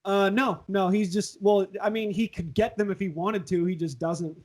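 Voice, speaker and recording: High-pitched man with a SoCal accent. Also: fairly even intonation, normal speed, darkish tone. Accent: Southern California. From Southern California. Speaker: podcast host, aspiring voice actor. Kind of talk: casual podcast chat.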